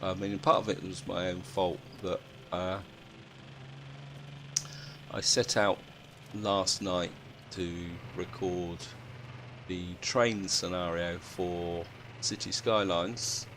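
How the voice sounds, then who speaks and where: A man's voice: low voice, level tone, takes it slowly, long pauses, fairly bright tone. A British man, sounding half asleep, giving casual commentary as he hosts a video game playthrough. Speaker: video game let's-play host. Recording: noticeable background noise.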